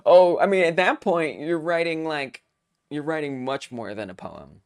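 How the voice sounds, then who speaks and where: A young adult woman hosting a game jam stream, chatting casually in an excitable, self-mocking way. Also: sits low, moderate pace. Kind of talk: casual live-stream chat.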